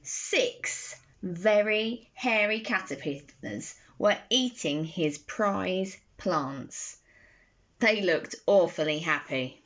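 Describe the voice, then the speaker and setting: A young woman with a fairly low voice performs a children's bedtime story slowly, with lively, deliberate phrasing. The setting is an indoor bedroom, and the phone at arm's length yields somewhat dull audio.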